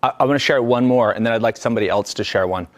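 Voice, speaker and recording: This business coach speaks very fast at a medium pitch, leading his live workshop in an energetic, chatty style and pausing to check in with the room.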